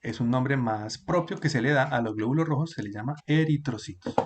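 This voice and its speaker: A man teaching an online class, patiently explaining and repeating words slowly for his students. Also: medium pitch, noisy background.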